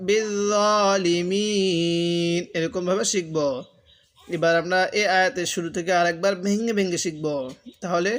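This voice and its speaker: A high-pitched man with a Bangladeshi Bengali accent teaches Quran reading one syllable at a time. He explains each letter plainly, then chants the sounds in long, slow, drawn-out tones. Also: steady tone, fairly bright tone. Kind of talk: spelling-out recitation lesson.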